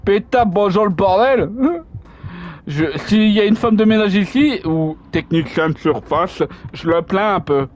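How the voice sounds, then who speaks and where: Male let's player with a high voice and casual, halting commentary, with faint noise under the voice. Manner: hesitant, filler-heavy asides. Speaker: let's play gamer. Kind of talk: casual gameplay commentary, reading game dialogue aloud.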